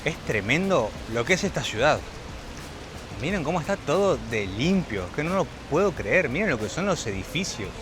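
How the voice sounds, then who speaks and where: A man's voice: a little high, big pitch swings, moderate pace. Chatty Argentine man walking city streets. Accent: Argentine Spanish. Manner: chatty, addresses viewers directly as friends. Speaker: travel vlogger. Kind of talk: casual walking travel vlog. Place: outdoors on busy city streets. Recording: outdoor street noise and traffic.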